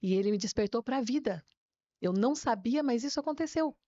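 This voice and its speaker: A woman pastor, appearing as a guest, shares her personal faith testimony as a lively storyteller who often closes phrases with a tag question. Her voice sits on the high side and moves fairly quickly, and the audio is dull with no echo.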